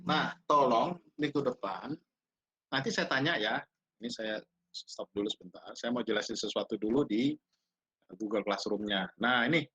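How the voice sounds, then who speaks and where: A man's voice: medium pitch, moderate pace, a bit bright, slightly rough, dull audio. A man with a slight tinge giving a casual online university lecture, chatty and teasing, often quizzing his students.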